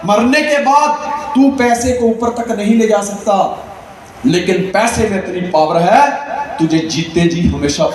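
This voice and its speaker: A man's voice: very high-pitched, slow, darkish tone. A man giving a live motivational seminar, telling humorous stories and acting out characters with animation. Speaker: motivational speaker. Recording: echoey hall, distant mic, crowd noise.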